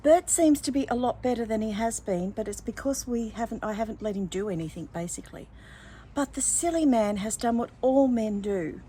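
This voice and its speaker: A woman's voice: a little high, a little fast, warm tone, slight background noise. An older woman with an Australian accent chatting casually and effusively to her vlog viewers. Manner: effusive, addresses listeners as darlings. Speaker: vlogger.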